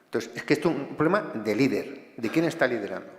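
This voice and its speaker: An impassioned man with a Spanish accent speaks at a book presentation, getting carried away and pausing on frequent hesitations. His voice sits at a middle pitch and carries a long, roomy echo from a large hall. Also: animated. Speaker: book author. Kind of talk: lecture-style book presentation. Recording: echoey hall.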